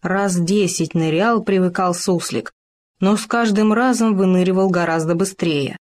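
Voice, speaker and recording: A woman's voice: on the low side, normal speed. Woman reading a children's story aloud. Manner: lively, expressive storytelling.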